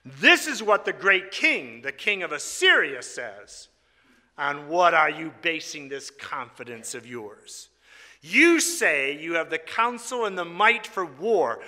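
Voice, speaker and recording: Speaking through a stand mic or PA, this preacher has a high, bright, faintly raspy male voice and a folksy manner, teasing and joking with his congregation. His loose sermon alternates with the congregation singing. The big hall is full of echo, with long reverb trailing each phrase.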